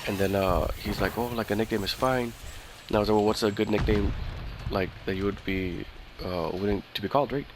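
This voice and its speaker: A man with a fairly low voice tells a long, rambling story over voice chat, his talk full of "like" and swearing. Clear gunfire and clicks from the game run behind him the whole time. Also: steady tone, brisk, background noise. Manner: rambling, profane, full of fillers and restarts. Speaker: gamer chatting with a friend. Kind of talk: casual chat while playing a shooter game.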